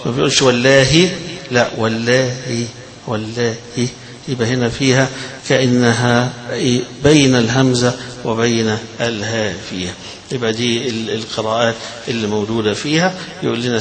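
An Egyptian-accented man gives a religious lesson on Quran readings and what they mean, switching between chatty explanation and slow, drawn-out recitation. His voice is mid-range and slightly bright, and the audio quality is poor.

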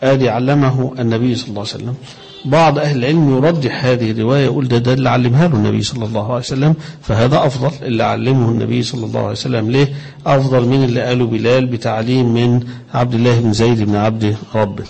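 A man with an Egyptian accent explaining hadith in a religious lesson, reciting quoted phrases slowly and deliberately. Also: medium pitch, steady tone, creaky, darkish tone, husky. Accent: Egyptian Arabic. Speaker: religious teacher.

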